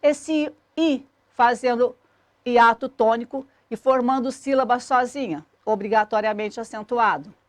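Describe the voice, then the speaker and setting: A woman, explaining a grammar lesson clearly and methodically as a teacher. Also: a little high, unhurried, no room sound.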